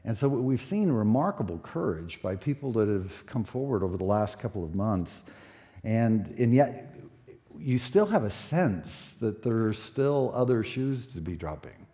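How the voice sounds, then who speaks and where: A man in his sixties, a pastor preaching a sermon at a pulpit microphone, relaxed and conversational with many fillers. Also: lowish voice, moderate pace. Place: church sanctuary. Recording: echoey church hall.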